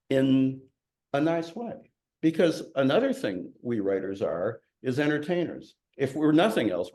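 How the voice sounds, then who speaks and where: An older man with a somewhat low voice speaks informally to a live audience. He is a novelist from Chicago, candid and self-deprecating, and he presses his points with emphasis. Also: darkish tone. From Chicago, USA. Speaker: novelist giving a talk.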